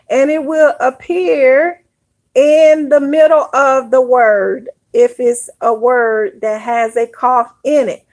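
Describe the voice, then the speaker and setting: A woman teaching an online Hebrew lesson, explaining step by step and often checking in with "all right?". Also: sits high.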